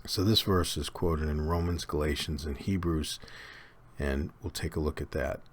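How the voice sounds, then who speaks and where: A man giving an unhurried, conversational Bible study lecture with fillers and restarts. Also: a bass voice, slight background noise. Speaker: Bible teacher.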